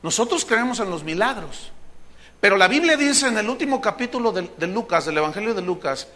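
Male pastor, high voice, bright tone, humorous sermon. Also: animated, a little fast. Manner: humorous, mimics shouting preachers.

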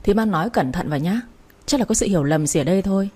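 A woman voicing a defensive, sharp-tongued older sister-in-law. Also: medium pitch, expressive, fast talker, breathy edge.

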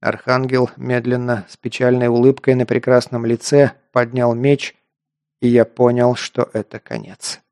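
A man narrating a first-person fantasy action audiobook, steady storytelling that lifts into louder voiced dialogue. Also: mid-range voice, a little slow, creaky, no echo, studio quality.

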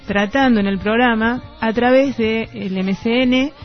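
A woman with an Argentine Rioplatense accent and a slightly high voice speaks at a measured pace as co-host of a literary radio programme. She offers poetic narration and reads quotes over background music, in a dull, lo-fi radio recording.

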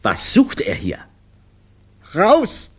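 Man doing a hot-tempered circus director, husky, high and wildly swinging. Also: huge pitch swings, very slow, exaggerated voice. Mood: furious. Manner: whiny, then booming and furious.

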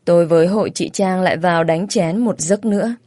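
A woman with a low voice narrates a first-person romance story, steady and plain in her telling. The recording is dry and close with no room sound. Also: brisk, no echo.

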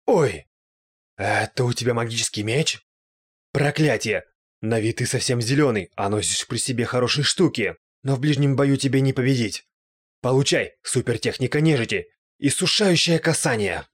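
A man's voice: mid-range voice, moderate pace, husky, natural voice. A man voicing a gloating, spiteful male ghost in an audiobook, with a raised, strained, taunting voice. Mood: angry.

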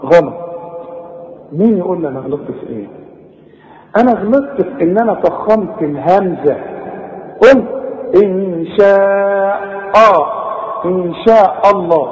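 An Egyptian man teaching Quran recitation rules, correcting mistakes and chanting verses slowly. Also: high voice, expressive, darkish tone, highs cut off. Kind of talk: tajweed lesson with recitation. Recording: echoey room with long reverb.

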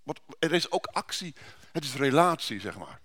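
A man's voice: fairly high pitch, very animated, normal speed, a bit bright. Man preaching in a conversational way. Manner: conversational, rhetorical questions, frequent restarts. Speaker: pastor. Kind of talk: sermon. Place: church service.

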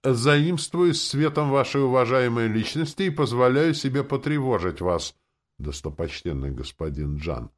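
A man's voice: a little high, brisk, few pauses, pitched above the performer's own voice, close to an everyday voice. A man doing a fawning flowery police clerk. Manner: ornate, fawning.

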